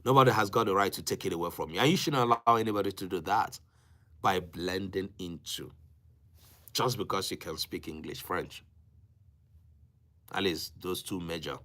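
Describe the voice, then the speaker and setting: An Igbo-speaking man from Africa with a Nigerian accent preaches to live-stream viewers like a teacher, emphatic, repeating phrases and pausing deliberately. His voice sits low and sounds pushed and bright.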